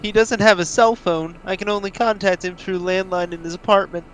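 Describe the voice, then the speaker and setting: A man's voice: sits high, fairly even intonation, brisk, fairly bright tone, faint music behind. A man reading the part of a young male dog student in an amateur script reading, in a matter-of-fact voice. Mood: worried.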